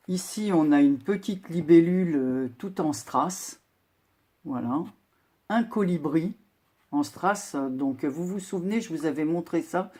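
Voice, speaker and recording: An older woman chatting casually as she shows a handmade craft project, unhurried with many filler pauses. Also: low voice, mellow. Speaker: crafting vlogger. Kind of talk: casual show-and-tell craft video.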